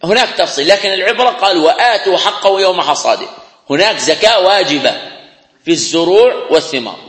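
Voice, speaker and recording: A man's voice: high voice, expressive, quick pace, fairly bright tone. A man teaching a religious lesson, explaining texts step by step, repeating key phrases and rising to emphatic stresses. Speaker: Islamic scholar teaching hadith. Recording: echoey hall reverb.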